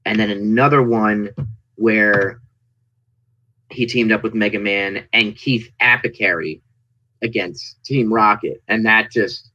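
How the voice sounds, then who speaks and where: A man chatting casually as an interview guest, telling stories in an animated way and acting out people's reactions. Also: fairly low pitch, slow pace, highs cut off. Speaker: interview guest, indie wrestling performer. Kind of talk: casual interview chat, anecdotes.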